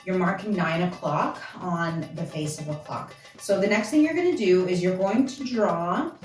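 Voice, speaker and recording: A woman's voice: on the low side, animated, normal speed. A woman teaching a belly dance class, counting steps aloud as she dances. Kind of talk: dance tutorial instruction. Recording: roomy, from a distance, with music.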